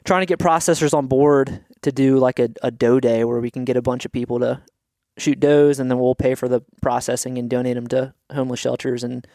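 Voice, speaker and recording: A man's voice: medium pitch, level tone, fairly quick, few pauses, dark tone, no echo, studio quality. A man from Atlanta co-hosting a podcast in easygoing, rambling casual chat. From Atlanta, USA. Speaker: podcast co-host.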